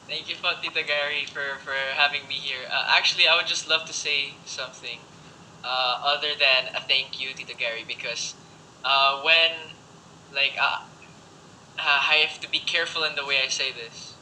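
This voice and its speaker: Young man, from Germany, interview guest, earnest, very bright, faint noise. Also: fairly high pitch, fairly even intonation, normal speed, rough recording. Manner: earnest, hesitant with fillers, mixes Filipino phrases. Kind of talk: casual interview chat.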